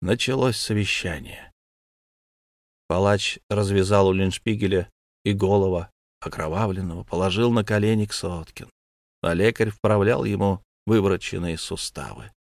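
A man narrating an audiobook in a measured, grave reading. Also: low voice, vocal fry, dry recording, clean studio sound. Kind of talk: scripted storybook narration.

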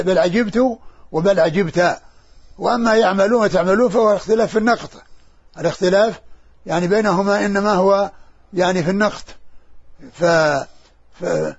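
A man, a sheikh, explaining texts in a scholarly lesson, speaking haltingly with many restarts and repeated syllables. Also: high voice, gravelly, breathy edge, dull audio. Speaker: sheikh teaching hadith.

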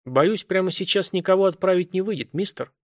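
A man voicing a harried police officer working the phones, brisk and firm, trying to reassure callers. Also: high-pitched, voice pushed up, lightly acted. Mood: pressed. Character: harried male police dispatcher, calm but pressed.

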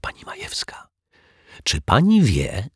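A man voicing a calm, wry adult male detective in a children's story. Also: medium pitch, slow pace, husky, no room sound, clean studio sound, pitched above the performer's own voice, exaggerated voice.

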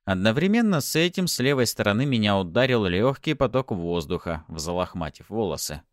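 A man narrating a first-person audiobook in a lively, expressive way. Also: on the low side, normal speed, no echo, clean studio sound.

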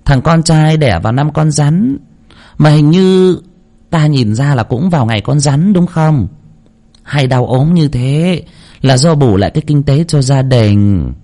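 A man's voice: on the high side, expressive, measured pace, dark tone, pitched above the performer's own voice. A man voicing a shrewd middle-aged female spirit medium who speaks in a knowing, insistent way, in a storytelling narration.

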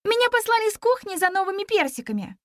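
A woman voicing a bold, quick-witted young girl heroine in a storybook reading, with a high, bossy, lively voice. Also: dry recording, clean studio sound, heavily acted.

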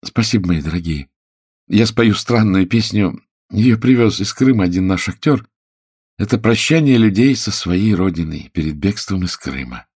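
A man's voice: low voice, normal speed, a little mellow, husky, no echo, studio quality, voice pushed up. A man voicing a polite, composed young actress.

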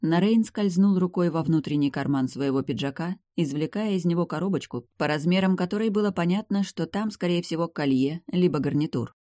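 A reader narrating a first-person fantasy novel in an even storytelling manner. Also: medium pitch, fairly quick, few pauses, no room sound, clean studio sound.

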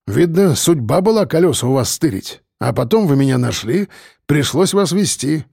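A man voicing a gruff, grumbling older man recovering in a hospital bed. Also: on the high side, sing-song, normal speed, a little mellow, no echo, clean studio sound, exaggerated voice. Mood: warm.

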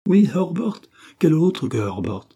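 A man's voice: fairly low pitch, normal speed, mellow, husky. A man voicing a proud, wild, distraught dying woman in an audiobook, vehement and prone to angry outbursts. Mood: agitated, anguished. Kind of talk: audiobook character reading.

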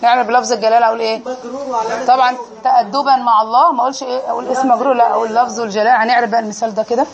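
A woman's voice: fairly high pitch, steady tone, very fast, creaky, lo-fi sound, a crowd in the background. A woman with an Egyptian accent teaching an Arabic grammar lesson in a classroom, quizzing her students and drilling them on each answer.

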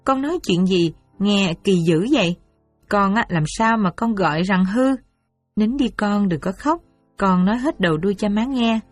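A woman voicing a worried, gentle mother who coaxes her daughter softly. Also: medium pitch, lively intonation, moderate pace, dry recording, faint music behind, natural voice. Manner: soft, coaxing and anxious.

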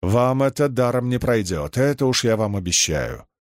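A stiff, indignant official with a cold, clipped and formal delivery, played by a man reading an audiobook. His words come low and measured, recorded dry and close. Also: lively intonation, no echo, natural voice. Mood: stern.

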